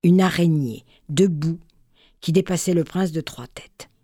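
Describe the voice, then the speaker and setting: A woman reading a literary fairy tale aloud with measured, expressive narration. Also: fairly low pitch, dry recording, clean studio sound. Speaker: storyteller.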